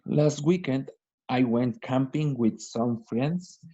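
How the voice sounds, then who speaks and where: Male student, slow hesitant reader, mellow tone, lo-fi video call sound. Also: mid-range voice. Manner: hesitant reading aloud, asks about words.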